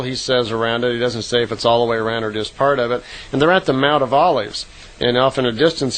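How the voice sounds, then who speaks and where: A man's voice: medium pitch, poor audio. Rambling man retelling a story. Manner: rambling retelling with fillers and self-corrections. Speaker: radio guest retelling a contact story. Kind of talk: casual spoken storytelling.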